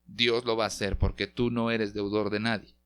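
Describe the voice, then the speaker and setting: A man's voice: fairly low pitch, flat delivery, normal speed, a bit bright, clear, resonant tone. A man, a pastor, preaching a podcast sermon and acting out quoted prayers and lines with dramatic shifts, speaking straight to the listener.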